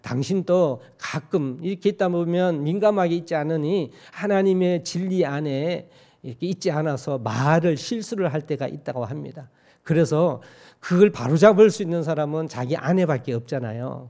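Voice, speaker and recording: A male pastor from Korea's Gyeongsang region preaches in a church. His voice sits a little high for a man. He talks in a folksy, joking way and keeps asking the congregation questions. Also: normal speed, gravelly, mellow. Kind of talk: sermon. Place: church sanctuary.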